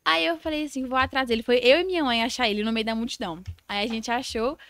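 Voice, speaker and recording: Fast-talking high-voiced young woman. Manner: animated, acts out quoted dialogue, laughs while telling. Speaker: guest, comedy content creator. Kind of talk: casual storytelling in an interview.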